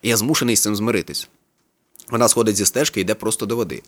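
A man reading literary prose aloud as an audiobook narrator, with a brisk, even storytelling manner. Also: fairly low pitch. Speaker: audiobook reader.

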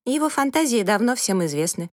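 A pert teenage girl, as a woman reader puts her on in an audiobook, with a high, bright voice that leans hard on every word. She is dramatic and quick to sulk, and her lines swing well above the reader's own pitch. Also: big pitch swings, no echo, clean studio sound. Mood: sassy. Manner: high-pitched, sassy, emphatic.

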